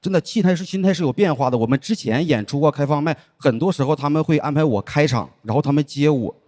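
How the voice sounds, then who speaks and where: A man performing a stand-up comedy set on stage, telling stories in a dry deadpan way and acting out the people he quotes. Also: fairly high pitch, fast. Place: comedy show stage with live audience. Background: audience laughter.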